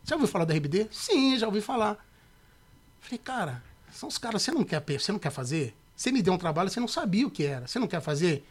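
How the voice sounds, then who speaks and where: A man's voice: high voice, very fast, slightly rough. A man with a Brazilian Portuguese accent, a pastor guesting on a podcast, telling a story and acting out the quoted voices. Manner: acts out quoted dialogue with lively voice shifts. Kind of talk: animated storytelling in casual podcast chat.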